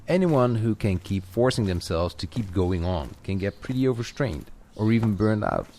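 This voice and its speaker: A man with a lowish, mellow voice and wide pitch swings talks at a normal pace, coaching the listener directly in a casual, conversational audio-walk lesson. The recording carries outdoor ambient noise with clicks, plus added walking ambience and birdsong.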